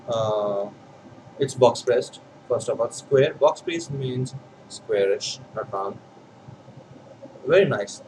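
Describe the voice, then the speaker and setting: A man with an Indian accent chatting casually as a vlog host, in a halting, hesitant way with pauses and repeats. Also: medium pitch, noisy background. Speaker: video host, pipe and cigar hobbyist.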